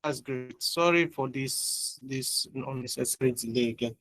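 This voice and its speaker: A man's voice: mid-range voice, moderate pace, a bit bright, dry recording. Man tutoring over a video call. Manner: chatty, loose, with frequent restarts and repeated words. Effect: heard over a video call. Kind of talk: online class, casual chat before teaching.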